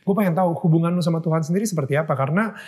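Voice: mid-range voice, racing, darkish tone. An interviewer asking casual, slangy questions and mixing English phrases into the talk. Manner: casual slang, mixes English, attentive backchannels.

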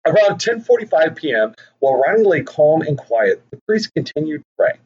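Young male podcast host, casual profane storyteller, slightly high voice, dull lo-fi sound. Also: very animated, fairly quick, darkish tone, husky. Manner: profane, jokey asides, frequent laughs. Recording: dull lo-fi recording with faint noise.

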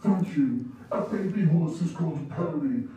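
A man voicing a know-it-all male talking gadget that speaks in stiff, flat announcements, heard from a distance in a roomy space with music behind. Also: on the high side, moderate pace, natural voice. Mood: deadpan.

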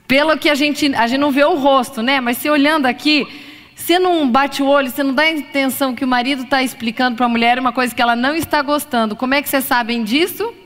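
With a high-pitched voice and a fast pace, a woman psychologist lectures live to an audience. She acts out her examples expressively in voices, and the hall's reverb lingers.

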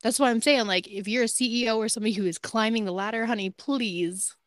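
Studio-quality, dry audio captures a podcast co-host in her late twenties whose voice is on the high side, fast and fairly even in intonation. She's blunt and frank in casual chat, leaning heavily on fillers.

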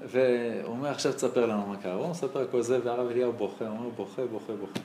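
A man's voice: mid-range voice, warm tone, a little hiss or hum. A man, a rabbi, preaching a sermon and telling stories, his voice rising and dropping sharply. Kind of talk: sermon with storytelling. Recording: roomy echo.

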